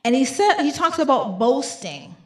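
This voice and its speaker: A woman's voice: high-pitched, big pitch swings, normal speed. Woman preaching in an echoey room. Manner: emphatic when reading, voice rising on repeated lines. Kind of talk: sermon, reading scripture aloud.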